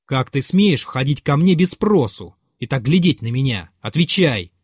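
A bitter, furious man, as a male reader plays him rants at his servant in a raised voice. His pitch swings widely while he shouts, and the sound is dry and close. The outbursts sound loud and strained. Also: big pitch swings, moderate pace, breathy edge, no echo.

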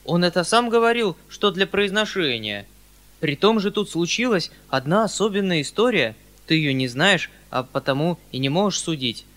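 A man's voice: sits high, pitched above the performer's own voice. A man doing a flustered, fussy old uncle. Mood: flustered eager. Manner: fussy, hurried, excitable. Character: kindly, flustered older landowner uncle.

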